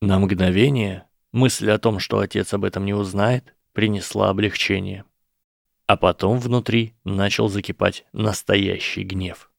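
A man narrating an audiobook in a steady, even storytelling manner. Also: fairly low pitch, a little slow, vocal fry, a little hiss or hum. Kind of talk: scripted narration.

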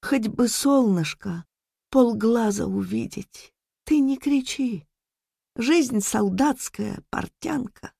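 A woman reading a story, voicing a dying old male soldier who boasts and barks commands in a lowered, gravelly voice. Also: takes it slowly, no echo, clean studio sound, heavily acted. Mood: weak. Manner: loud barked commands.

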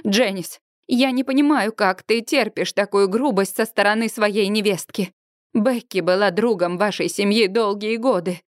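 A woman reading an audiobook, voicing a proud older mother who scolds with a shaking voice, lower than her narration. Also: normal speed, dry recording, studio quality, close to an everyday voice. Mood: indignant. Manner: proud, trembling with indignation.

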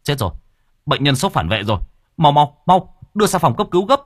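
A man voicing an alarmed emergency doctor shouting urgent orders. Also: a little high, sing-song, fairly quick, husky, dry recording, clean studio sound, pitched above the performer's own voice.

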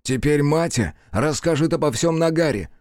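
A male audiobook narrator voicing a furious young warrior leader who shouts in rage. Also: on the high side, normal speed, dry recording, studio quality, pitched above the performer's own voice, lightly acted.

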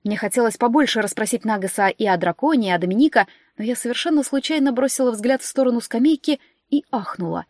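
A woman's voice: fast talker, hardly any pauses, dry recording. Woman narrating a story, dry close sound. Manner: animated, raises pitch and volume for dialogue. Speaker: audiobook narrator. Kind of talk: storytelling narration with character voices.

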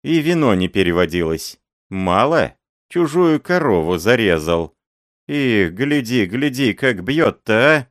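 Man voicing a chattering old nanny, higher voice, lively, storybook reading. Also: unhurried, no echo, studio quality. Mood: gloating. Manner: scolding, gloating chatter. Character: gossiping old peasant nanny woman.

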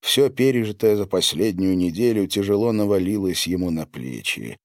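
A man narrating an audiobook with an expressive reading. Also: deep voice, normal speed, dry recording, clean studio sound.

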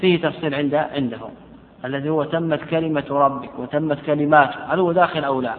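A man teaching Quran readings in a lecture, repeating his phrases and reciting the quoted verses slowly and carefully. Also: a little high. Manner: repeats phrases, restarts and self-corrects while explaining. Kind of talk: classroom lecture explaining a text. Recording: tinny, echoey lecture hall recording.

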